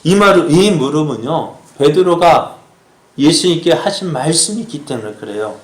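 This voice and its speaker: A male pastor preaching a sermon, asking the congregation questions and slowing down to act out quoted lines. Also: on the high side, animated, echoey room. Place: church sanctuary.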